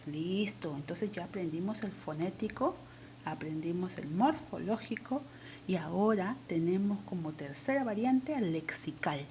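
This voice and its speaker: Peruvian woman teacher, unhurried and warm-toned, patient step-by-step explainer. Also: fairly low pitch, a little hiss or hum. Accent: Peruvian Spanish. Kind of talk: recorded language lesson.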